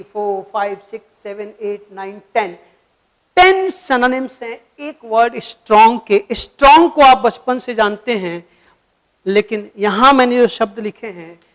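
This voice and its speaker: A man's voice: high-pitched, a bit bright, poor audio. A man giving an explanatory video lesson as a vocabulary teacher, patient and friendly, spelling out words letter by letter for his viewers.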